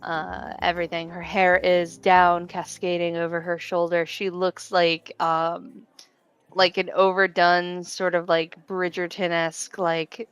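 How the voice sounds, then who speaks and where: A woman's voice: on the low side, a bit bright, clean tone. A woman narrating a tabletop role-playing game as game master, rambling with many fillers.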